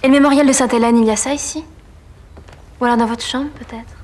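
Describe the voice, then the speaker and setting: An actress playing a proud, witty young aristocratic woman in a period film, haughty and quick with sharp retorts. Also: fairly high pitch, fairly even intonation, a little hiss or hum, natural voice. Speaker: Mathilde, the marquis's daughter.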